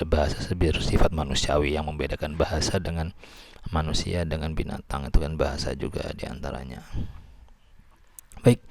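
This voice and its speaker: A low-voiced man with a gravelly, creaky tone delivers a recorded lecture. He explains patiently, often repeating or restarting words. The sound is dry and close. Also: a little mellow, dry recording. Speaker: linguistics lecturer.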